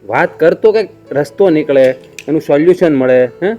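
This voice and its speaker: A man's voice: fairly high pitch, moderate pace, mellow, faint music behind, lightly acted. An actor playing a caring young husband, coaxing his wife to tell him what is wrong. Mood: concerned, coaxing. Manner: coaxing, keeps asking "eh?". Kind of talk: family drama acting.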